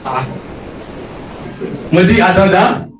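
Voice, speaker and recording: A man preaches a fervent sermon in a raised, high voice, often repeating and restarting his phrases before breaking into shouted alleluias. He sounds distant from the microphone inside a reverberant hall. Faint music plays underneath. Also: animated, slow pace, a crowd in the background. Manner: impassioned, shouted calls of alleluia. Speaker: prophet preaching. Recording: echoey hall picked up from a distance.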